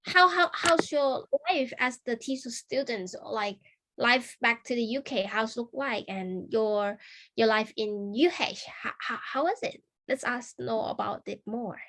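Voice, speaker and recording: Halting woman interviewer, rather high voice. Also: fairly bright tone. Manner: halting, repeats words while phrasing questions. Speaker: interview host. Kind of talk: casual interview.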